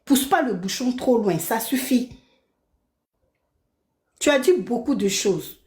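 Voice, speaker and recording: Brief: woman streamer, higher voice, heated rant, keeps asking "d'accord?", echoey room. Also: animated, slow pace, darkish tone. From Belgium. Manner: indignant, repeats her points, asks "d'accord?". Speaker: live streamer. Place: her apartment.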